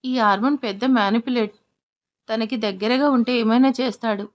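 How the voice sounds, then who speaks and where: Expressive woman storyteller, lo-fi sound. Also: a little high, moderate pace. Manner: expressive, switches between narration and character voices. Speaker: audio story narrator. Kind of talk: scripted storytelling narration.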